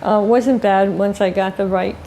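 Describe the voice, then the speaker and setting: An older woman, a filmmaker, telling animated stories in an interview and laughing often as she acts out what people said. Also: medium pitch, moderate pace, slight background noise, poor audio. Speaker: filmmaker guest. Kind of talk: casual storytelling interview.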